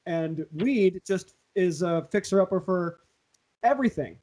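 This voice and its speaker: A man's voice: high-pitched, animated, measured pace, darkish tone. A man with a Southern California accent chatting casually and slangily on a podcast, in a laid-back way. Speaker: podcast host, aspiring voice actor.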